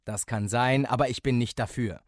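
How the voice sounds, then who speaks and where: A gruff, blunt father with a firm, no-nonsense delivery, as read by a man. The voice stays close to a plain male reading voice, a little louder and harder. The sound is dry and close. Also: medium pitch, normal speed, no room sound, close to an everyday voice. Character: gruff stern father, middle-aged.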